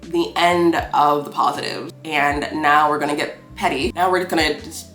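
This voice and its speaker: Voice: medium pitch, steady tone, moderate pace, a bit bright, echoey room, soft background music. A film reviewer talking casually about a movie, rambling, cursing and playfully petty.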